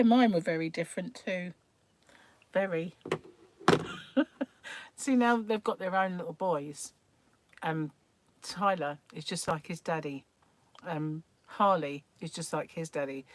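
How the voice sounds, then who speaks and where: A woman's voice: deep voice, dry recording. Chatty older woman, dry close sound. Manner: chatty storyteller, laughs often between remarks. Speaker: livestream host. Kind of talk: casual anecdotal chat.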